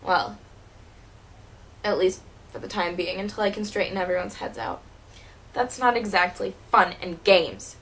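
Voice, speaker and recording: A woman's voice: on the low side, animated, fairly bright tone, poor audio. A woman playing a wounded teenage girl. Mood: hurt, bitter. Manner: bitter, hurt, halting with repeated words. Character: wounded, wry teenage girl, former child stage performer. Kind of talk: dramatic stage monologue.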